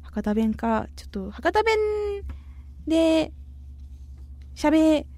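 Reading out listener messages on her radio chat show, this Kumamoto-born host with a Kyushu accent is playful and chatty, drifting into local dialect. Her high, warm voice is sing-song and slow, recorded with no room sound.

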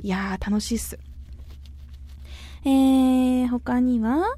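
A woman with a Kyushu Japanese accent hosts a casual radio show, reading out listener mail with a playful, chatty manner. Her voice sits a little high. The recording is dry and close, with no room sound. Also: slow pace, mellow, dry recording. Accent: Kyushu Japanese dialect. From Kumamoto, Japan. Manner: playful, chatty, often slips into dialect.

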